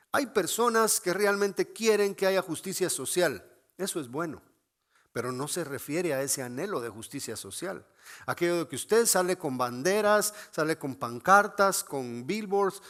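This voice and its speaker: A man's voice: fairly high pitch, fairly bright tone. A man preaching a sermon in an earnest, emphatic way, repeating phrases and restarting words as he explains. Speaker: pastor.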